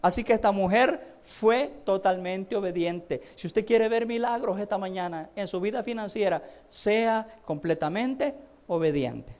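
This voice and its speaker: Honduran male preacher, high resonant voice, leads congregation call-and-response. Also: measured pace, darkish tone. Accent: Honduran Spanish. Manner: preaching, calls the congregation to repeat phrases. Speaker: pastor. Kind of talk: sermon. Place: church service.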